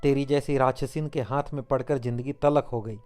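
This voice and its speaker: An insolent young village man hurls coarse threats in a raised, hoarse-edged shout, as a male narrator puts him on. His voice stays close to the reader's own, in a storybook reading. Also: medium pitch, steady tone, a little fast, soft background music, natural voice. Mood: resentful.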